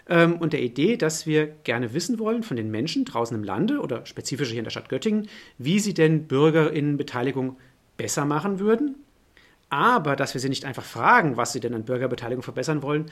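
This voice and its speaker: A middle-aged male professor answers a podcast interview at a quick clip, thinking aloud with frequent fillers and self-corrections. His voice sits a little higher than most men's. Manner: fast, thinking aloud with many fillers and restarts. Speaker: political science professor, guest.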